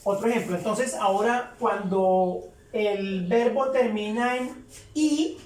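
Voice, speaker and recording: Slow-paced woman teacher, roomy and distant. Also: medium pitch, a little mellow. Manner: repeats each example slowly and deliberately. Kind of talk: slow explanatory lesson. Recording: roomy echo, distant from the mic, faint background hum.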